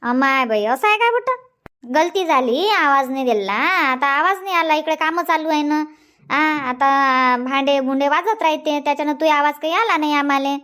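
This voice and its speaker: An actor voicing a squeaky nagging cartoon granny with a Vidarbha accent. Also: moderate pace, bright, forceful tone. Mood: coaxing. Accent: Vidarbha Marathi. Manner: nagging, repeats questions, chiding. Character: fussy nagging village grandmother, scolds and coaxes. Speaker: grandmother. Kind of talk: cartoon comedy voice acting.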